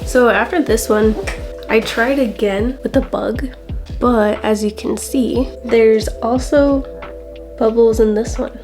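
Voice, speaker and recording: A woman hosting a casual hobby tutorial in a playful, rambling way. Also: mid-range voice. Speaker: hobby craft host. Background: music.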